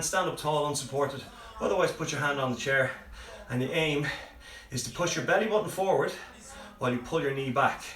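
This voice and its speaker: A man's voice: fairly high pitch, a bit bright. Man coaching a workout, roomy and distant. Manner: brisk, encouraging coaching cues. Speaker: fitness coach. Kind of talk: live home workout instruction. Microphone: phone livestream from a distance. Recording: roomy, far from the mic, faint music.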